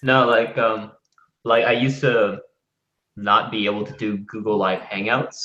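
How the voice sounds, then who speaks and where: A man's voice: lowish voice, level tone, measured pace, pushed and bright. A man chatting casually on an internet group call. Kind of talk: casual chat. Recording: distant, roomy, dull online call audio.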